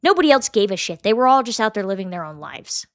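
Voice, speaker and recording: A young woman hosting a podcast, giving blunt, profane, animated commentary and sometimes mocking people with quick impressions. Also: medium pitch, no room sound, studio quality. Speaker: podcast host. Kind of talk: casual commentary.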